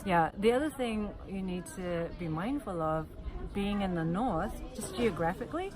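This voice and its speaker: A woman's voice: medium pitch, lively intonation, moderate pace, rough recording. A woman from New Zealand, a guest in a casual interview, explaining things in a chatty way with frequent yeahs.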